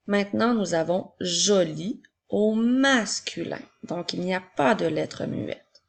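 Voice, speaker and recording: Slow, gravelly-voiced woman teacher dictating. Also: mid-range voice. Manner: slow, clear dictation, repeating each word. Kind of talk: spelling and dictation lesson for young children.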